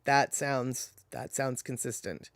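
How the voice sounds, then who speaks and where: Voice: medium pitch, takes it slowly, dry recording. Rambling live-stream host, dry close sound. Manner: rambling and self-correcting, laughs at own remarks. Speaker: livestream host reading viewer chat. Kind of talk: casual live-stream chat.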